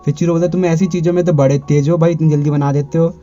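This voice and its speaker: A man's voice: fairly high pitch, steady tone, very fast, warm tone, faint music behind. A man casually retelling an anime episode, stringing events together in a rambling way with frequent restarts. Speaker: anime recap narrator. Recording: dull lo-fi recording.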